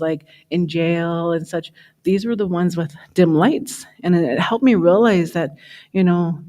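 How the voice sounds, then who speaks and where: A woman's voice: fairly low pitch, a little mellow. A middle-aged woman speaking at a summit, telling a personal story in a loose, conversational way, often repeating "he says" and "you know".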